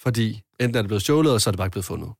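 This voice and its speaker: A man's voice: on the low side, expressive, vocal fry, no room sound, clean studio sound. A Danish man co-hosting a podcast, chatting casually and joking in his replies. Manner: joking, quick reactions and laughter. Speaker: podcast co-host. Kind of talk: casual chat.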